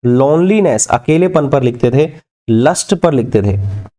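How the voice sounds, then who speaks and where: A man giving an exam-prep literature lecture, mixing Hindi with English, asking and answering his own questions and dictating English lines slowly. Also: medium pitch, animated, dark tone.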